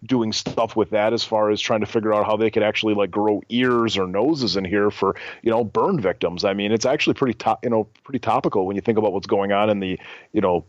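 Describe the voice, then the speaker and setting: A man's voice: on the low side, a little fast, highs cut off. A man co-hosting a podcast, chatting casually about a film and rambling with lots of fillers. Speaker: podcast co-host. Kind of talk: casual film review chat.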